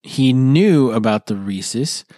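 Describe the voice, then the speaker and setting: A man chatting casually as a podcast co-host, with a lively, swinging voice that rises and dips as he recaps scenes. He acts out bits of dialogue as he talks. The sound is dry and close. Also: mid-range voice, takes it slowly, no echo. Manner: animated, recaps scenes by acting out lines. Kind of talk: casual chat reviewing an anime episode.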